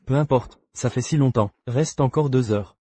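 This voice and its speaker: A sly secret lover, voiced by a man in a French drama dub. His voice is dark and mellow at a middle pitch. The sound is dry. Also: moderate pace, breathy edge, no room sound, lightly acted. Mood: smug.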